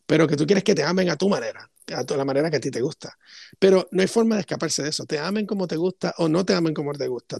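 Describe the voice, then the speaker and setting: A man's voice: fairly high pitch, vocal fry, a little mellow, slightly rough, no echo, studio quality. A man co-hosting a podcast, reasoning through ideas in long, reflective casual talk. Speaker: podcast co-host. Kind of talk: casual philosophical discussion.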